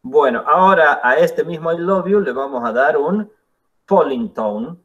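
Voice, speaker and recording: Slow patient teacher man. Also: a little high, expressive, fairly bright tone, lo-fi sound. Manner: slow, patient explaining with demonstrations. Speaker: English teacher. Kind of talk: classroom lesson.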